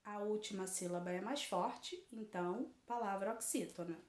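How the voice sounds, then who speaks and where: A woman teacher, slowly correcting a worksheet in a recorded lesson and repeating each answer. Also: medium pitch, roomy sound.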